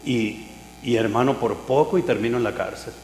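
A man preaching a sermon, telling a humorous personal story with loud exclamations and quiet asides. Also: mid-range voice, normal speed. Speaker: pastor. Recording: echoey hall with mains hum.

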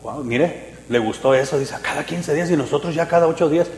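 A man, a pastor preaching a sermon, animated and swinging between loud and hushed. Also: fairly high pitch, brisk, slight background noise. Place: church hall. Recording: echoey hall reverb.

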